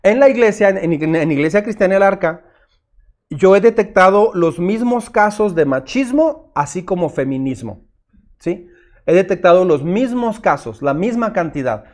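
A man's voice: high voice, animated, moderate pace, a little mellow. A middle-aged man, preaching a sermon as pastor in an earnest, direct way. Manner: earnest, direct, addresses listeners as usted, acts out their objections.

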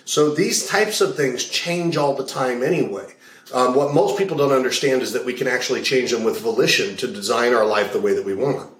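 A medium-pitched male voice, talking a little fast, belongs to a hypnotist and values coach being interviewed about his coaching work. In this casual chat he spins long anecdotes and hammers home ideas by repeating key phrases, while the audio echoes around a roomy space.

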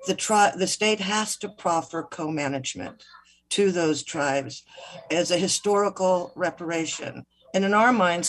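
A woman guest answering interview questions over a poor-quality video call connection, measured and often stopping to correct herself. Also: lowish voice. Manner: measured, with frequent fillers and self-corrections. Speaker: guest, legal counsel.

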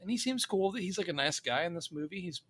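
A man's voice: high voice, lively intonation, fast talker, a bit bright. A man co-hosting a podcast, recapping a movie in a blunt, joking way. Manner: joking, blunt, restarts sentences. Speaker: podcast co-host. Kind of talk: casual chat recapping a movie.

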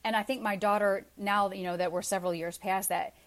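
A woman's voice: medium pitch, steady tone, fairly quick. Woman, forties, interview guest; candid, chatty, wry. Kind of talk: casual interview chat.

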